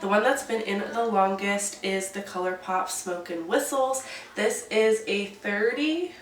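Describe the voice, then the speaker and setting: A young beauty vlogger, congested and stuffy from a cold, chats casually through a makeup update, going into detail on products. Her medium-pitched voice is unhurried, and the recording has an echoey room, a distant mic and faint hiss.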